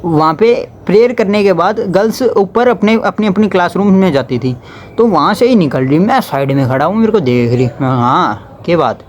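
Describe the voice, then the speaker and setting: Young man, high-pitched, chatty storyteller, faint background noise. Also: expressive, a little fast, darkish tone, lo-fi sound. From Haryana, India. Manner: chatty, slips into dialect when quoting others. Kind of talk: casual storytime.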